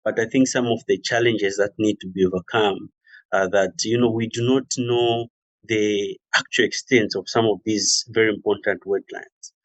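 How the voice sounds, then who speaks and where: A man giving a formal, measured submission in an online webinar, with hesitant phrasing. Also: on the low side, fairly even intonation, dry recording. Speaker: workshop participant. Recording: dull, dry online call audio.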